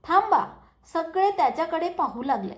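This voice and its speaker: Slow, high-voiced woman narrating a story.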